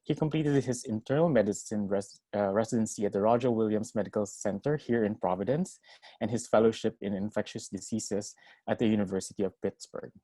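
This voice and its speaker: A man moderating a medical webinar on a video call, formally reading out speaker introductions in a steady, measured way. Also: lowish voice, dry recording. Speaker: webinar moderator and family physician.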